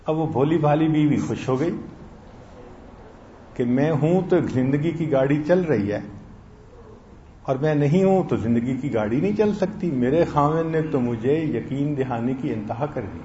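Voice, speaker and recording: Male preacher, raised voice, mellow tone, animated storyteller, dull lo-fi recording. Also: fairly high pitch, a little hiss or hum. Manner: storytelling, acting out quoted lines. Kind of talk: sermon. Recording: echoey, dull lo-fi sound.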